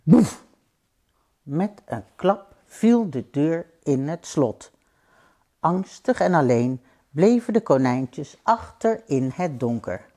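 A woman reads a children's picture book aloud in an unhurried, gentle way. Her fairly low voice is very lively, rising and falling with the story, and she adds playful sound effects along the way.

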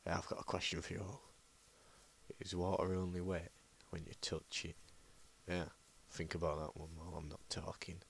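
A man's voice: low voice, little pitch movement, normal speed, gravelly, poor audio. A man rambling through gameplay commentary as host, often muttering under his breath, recorded on a laptop mic. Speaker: gaming channel host. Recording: loud background noise.

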